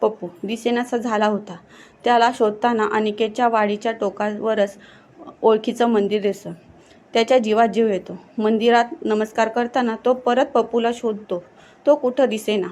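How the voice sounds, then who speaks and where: A woman's voice: a little high, fairly even intonation, normal speed, darkish tone. Woman telling a suspenseful ghost story. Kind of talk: horror story narration.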